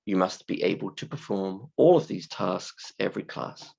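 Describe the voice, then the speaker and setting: Male lesson presenter, lowish and animated, hoarse with creaky starts, deliberate wording for learners, slightly dull recording. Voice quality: croaky, creaky voice. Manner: simple, deliberate phrasing for learners, emphatic. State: hoarse, croaky from a sore throat. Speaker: university English teacher. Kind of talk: scripted-slide lesson explanation.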